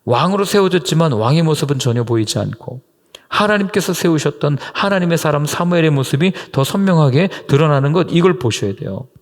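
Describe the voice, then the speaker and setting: High-voiced Korean pastor preaching. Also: male voice, brisk, big-room sound. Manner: animated preaching, dropping to a soft hush at times. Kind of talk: sermon. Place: underground church hall. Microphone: voice recorder.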